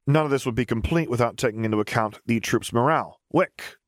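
A man's voice: medium pitch, brisk, no echo, studio quality, close to an everyday voice. A man voicing a cheerful, boyish young male engineer who talks in an upbeat, earnest way.

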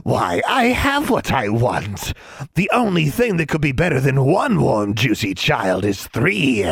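A man voicing a greedy, cackling child-sized pond monster that gloats and turns shrill when angry. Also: huge pitch swings, a little slow, creaky, a bit bright, slightly rough, dry recording, clean studio sound, exaggerated voice. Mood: gloating.

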